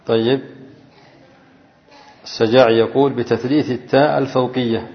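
A man teaching grammar to a class. He keeps asking prompting questions and answering them himself, and he slows down to read quoted lines aloud. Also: medium pitch, steady tone. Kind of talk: classroom lecture to students. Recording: echoey hall, dull lo-fi sound.

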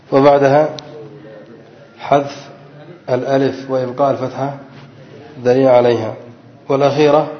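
A man teaching a grammar lesson who keeps pausing to have his students fill in words. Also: medium pitch. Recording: dull lo-fi recording with long reverb.

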